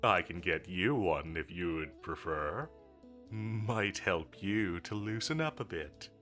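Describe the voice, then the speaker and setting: Over soft background music, a man with a low, bright, forceful voice plays a confident, teasing villain commander in a scripted roleplay audio drama addressed to the listener. He speaks slowly and expressively, exaggerating his voice with a drawling, flirtatious, bossy edge in a playful mood.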